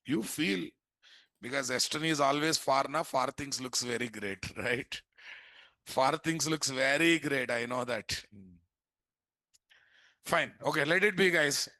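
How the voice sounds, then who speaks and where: A man's voice: medium pitch, animated, a little slow, pauses often, pushed and bright, dry recording. A man with an Indian accent lecturing to students as an instructor, prompting them with repeated questions that he often answers himself. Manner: prompting, repetitive, asks and answers his own questions. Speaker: programming instructor.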